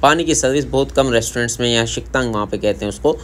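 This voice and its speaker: A man's voice: mid-range voice, slight background noise. A man with a Pakistani Urdu accent giving a casual language lesson, saying each word again and again in a Korean-style pronunciation. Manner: repeats words slowly in a Korean-style pronunciation. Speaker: language teacher.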